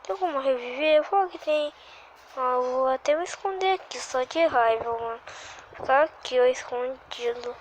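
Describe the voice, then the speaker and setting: A woman giving excitable, exclamatory live commentary while playing a game at home. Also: high voice, normal speed, a little hiss or hum, rough recording. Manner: excitable and exclamatory, constant little sighs and cries. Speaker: gaming video creator.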